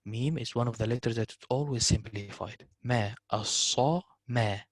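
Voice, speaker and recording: A man teaching a tajweed lesson, slowly repeating words to show correct pronunciation. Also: medium pitch, no room sound. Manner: explains slowly, repeating words in Arabic recitation. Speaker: Quran recitation teacher.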